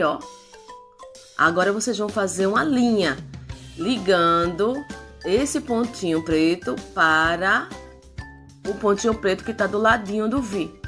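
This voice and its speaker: A middle-aged woman teaching young children how to sound out syllables. She talks at an unhurried pace and stretches each sound so the class can follow along. Soft music plays faintly in the background. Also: medium pitch. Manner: slow, drawn-out syllables, animated coaxing. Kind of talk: children's phonics lesson.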